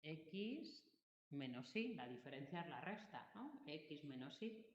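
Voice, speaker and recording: Brief: slow-paced woman math teacher, patient, in a roomy classroom on a dull lo-fi recording. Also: sits low, sing-song, slight background noise. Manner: patient, explains step by step with frequent checks. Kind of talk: classroom lesson.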